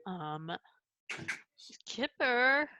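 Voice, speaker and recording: A woman's voice: on the high side, very animated, extremely slow, lo-fi sound, heavy background noise. A woman playing a tabletop game, upbeat and casual, often saying cool. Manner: upbeat, says cool a lot. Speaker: player.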